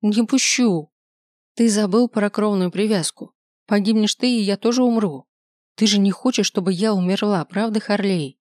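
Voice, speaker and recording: A reader voicing a clingy young female harpy who pleads in shrill, hysterical bursts. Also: moderate pace, a little mellow, dry recording, studio quality, close to an everyday voice.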